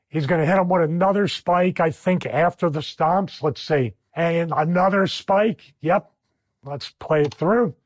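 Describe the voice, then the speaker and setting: A man's voice: on the high side, dry recording. A middle-aged man with a Philadelphia accent, hosting and commenting over wrestling footage, emphatic and repeating phrases for stress. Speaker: host, wrestling analyst.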